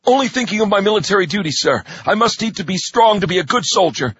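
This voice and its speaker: Guy playing a cheeky young recruit, fake dutiful, pitched up a bit, dry muffled recording. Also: animated, fast, a bit bright, breathy edge, no echo, full character voice. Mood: mock-dutiful. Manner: cheeky mock-dutiful replies.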